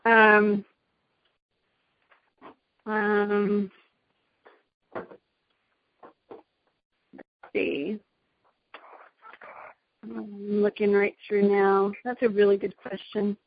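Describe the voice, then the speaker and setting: A woman's voice: mid-range voice, completely flat delivery, extremely slow, pauses often, a little hiss or hum. A woman teacher answering questions in a casual discussion, friendly and often hesitating with fillers. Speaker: teacher giving advice. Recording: dull dry lo-fi sound.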